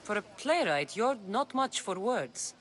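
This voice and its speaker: A woman's voice: medium pitch, big pitch swings, measured pace, soft background music. An actress playing a dry-witted, blunt female warrior in a video game. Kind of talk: video game character dialogue.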